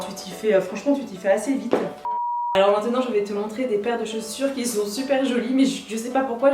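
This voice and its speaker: A young woman vlogger with a slightly high voice chats casually with her viewers about a shoe haul, bubbly and laughing often. The room is echoey and the background noisy.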